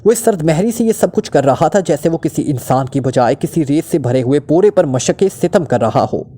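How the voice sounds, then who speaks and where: A man reads out a crime thriller in a steady, dramatic narration. His voice is dark and mellow, pitched slightly high. The pace is even, with no strain. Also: moderate pace. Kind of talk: scripted story narration.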